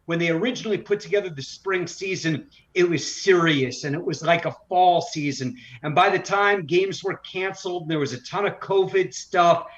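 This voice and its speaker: This man's voice sits fairly high and has a slightly bright edge. He's a broadcaster appearing as an interview guest, offering conversational sports analysis and driving his points home emphatically in bursts. The audio is lo-fi and a little dull.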